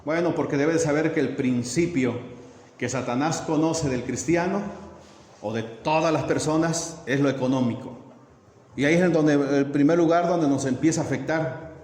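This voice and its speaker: Male pastor, higher voice, conversational sermon, reverberant hall with faint hiss. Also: normal speed, a little mellow. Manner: asks the congregation questions, acts out dialogues. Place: church hall.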